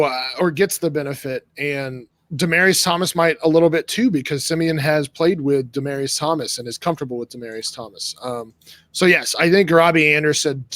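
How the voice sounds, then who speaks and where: Higher-voiced man, dry close sound. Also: a bit bright, dry recording. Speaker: podcast panelist. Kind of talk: casual sports chat.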